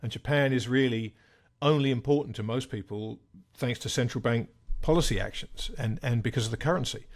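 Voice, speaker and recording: A man in his sixties, a guest on an interview, explaining in a measured, thoughtful way. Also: medium pitch. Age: 60s. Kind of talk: conversational interview.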